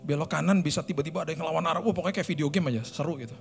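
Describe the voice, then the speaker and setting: A man's voice: on the high side, very fast, gravelly, faint music behind. A male pastor with a Jakarta accent telling a personal story in a sermon, casual slang and sound effects.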